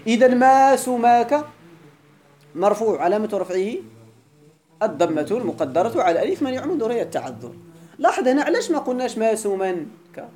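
Lively, fast-talking Moroccan male teacher. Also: sits high. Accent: Moroccan Arabic. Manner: keeps checking that students follow; repeats example words with drawn-out emphasis. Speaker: grammar teacher. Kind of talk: classroom lecture.

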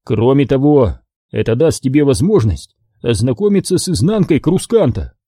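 A man voicing a calm, wise older male mentor, measured and steady, in an audiobook. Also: mid-range voice, no room sound, clean studio sound.

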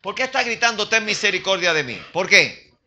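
An older man preaches to his congregation in a lively, questioning way and now and then drops into English phrases. His voice sits high and sounds very bright and cutting. He sounds like a pastor at the pulpit of a church. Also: fairly quick. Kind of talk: sermon.

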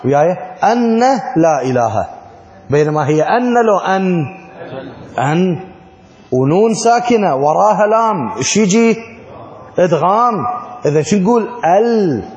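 A man's voice: high-pitched, animated, moderate pace, a little mellow, dull audio. A man teaches a lesson on religious law. He stops often to quiz his students and chants sample phrases. The sound echoes with a long reverb, as in a large hall. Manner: asks students frequent check questions; chants call-to-prayer phrases as examples. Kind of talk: classroom lesson.

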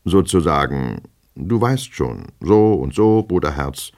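A man reading as a sly, smug impostor in an audiobook, oozing mock friendliness. The voice is very deep, the tone teasing and condescending. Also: lively intonation, takes it slowly, darkish tone, full character voice. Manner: mocking, mock-familiar. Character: smug, falsely friendly male double, mocking.

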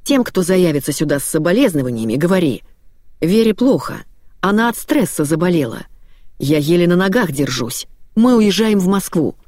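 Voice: mid-range voice, sing-song, normal speed, a little mellow, no echo, clean studio sound, close to an everyday voice. A narrator voicing a cold, menacing middle-aged father who gives curt, icy orders in an audiobook story. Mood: commanding.

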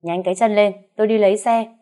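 A woman's voice: medium pitch, fairly even intonation, fast, warm tone, voice pushed up, natural voice. A woman voicing a stern, irritable husband and boss who scolds curtly, in an audiobook reading. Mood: scolding. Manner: curt, scolding.

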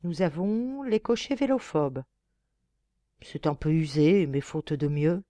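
A woman's voice: low-pitched, lively intonation, slow, mellow, no room sound. A woman reading an audiobook voices a scheming young male reporter, musing aloud and faking a thick foreign accent.

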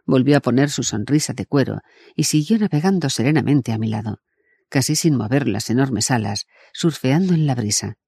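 A man reading an audiobook in an even, measured narrating voice. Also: medium pitch, gravelly, husky, no echo, clean studio sound.

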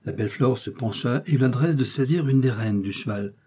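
Male audiobook narrator, steady measured delivery, mellow raspy tone. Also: mid-range voice. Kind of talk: dramatic novel narration.

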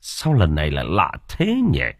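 A male narrator voices an older, gruff coffin maker who snaps and scolds, raising his voice above its usual low register into something loud, lively, husky, and exaggerated. The audiobook sound is close and dry with no room sound, at a normal speed.

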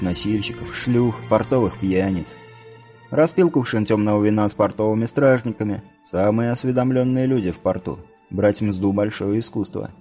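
Male audiobook narrator, low voice, steady storytelling, soft music under. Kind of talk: scripted narration.

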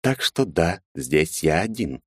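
A man voicing a tall insect-helmed alien man who is calm and polite, with a pleasant, slightly mechanical voice. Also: low voice, slow pace, slightly rough, no room sound, studio quality, exaggerated voice. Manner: calm, polite, quietly threatening.

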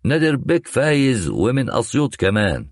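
A man doing a loud proud Egyptian assistant. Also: medium pitch, big pitch swings, brisk, dry recording, studio quality, pitched above the performer's own voice. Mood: pointed. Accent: Egyptian Arabic. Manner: loud, over-enunciated. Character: proud loyal male assistant, formal and loud.

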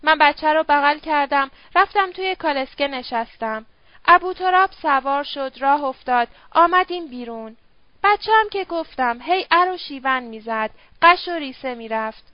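A woman's voice: high-pitched, animated, dry recording. A woman reading the part of a young servant girl confessing, in colloquial, rueful speech. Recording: dull dry lo-fi audio.

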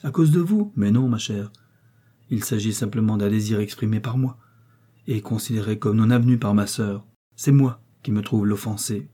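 A man's voice: fairly low pitch, moderate pace, dark tone, breathy edge. A man voicing a haughty, wounded prince in a novel reading, speaking in a cold, commanding, sarcastic way. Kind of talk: audiobook character reading.

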